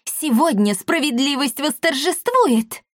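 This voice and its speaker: A woman's voice: high-pitched, expressive, unhurried, a bit bright, no echo, clean studio sound, pitched above the performer's own voice. A woman voicing a scrawny, fierce young sorceress girl who speaks in theatrical, accusing declarations. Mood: grandiose. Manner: theatrical, accusing, self-satisfied.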